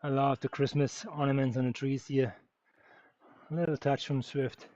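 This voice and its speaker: The speaker is a streamer from Germany, a native German speaker, chatting casually with viewers during an indoor bike ride and thinking out loud with many fillers. He speaks at medium pitch in a flat, darkish delivery at a moderate pace. The lo-fi sound is dull and dry, with no room sound.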